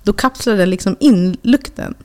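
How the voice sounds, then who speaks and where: A woman's voice: mid-range voice, slight background noise. A woman with a Swedish accent co-hosting a podcast, chatting casually and telling stories where she acts out what others said. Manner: animated storytelling, acting out quotes. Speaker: podcast co-host. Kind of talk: casual chat.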